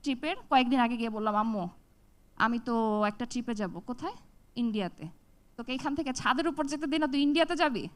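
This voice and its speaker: A young woman from Bangladesh giving a talk on stage, telling a personal story with lively acted-out dialogue. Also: a little high, quick pace. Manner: animated, acts out dialogue with shifts in voice. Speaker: TEDx speaker.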